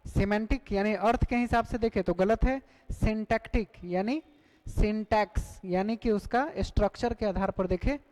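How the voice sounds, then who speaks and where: Guy teaching an exam prep class, high-ish voice, keeps asking the students stuff and repeating it. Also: a little slow, darkish tone, low-quality recording. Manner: questioning the class, repeating key points.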